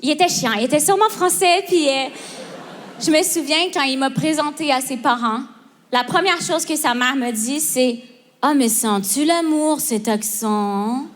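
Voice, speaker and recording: A woman with a Québécois accent chats through an interview as a stand-up comedian. Her voice sits a little high. She talks quickly, with plenty of fillers and bursts of laughter. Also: a bit bright. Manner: fast, chatty, frequent fillers and laughter. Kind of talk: casual interview chat.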